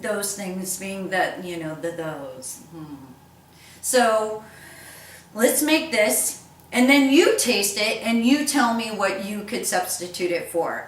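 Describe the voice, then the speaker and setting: A woman's voice: mid-range voice, a bit bright. A woman hosting a casual recipe demonstration, rambling playfully to viewers with theatrical exclamations. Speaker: cooking show host. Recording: echoey room, distant mic, background noise.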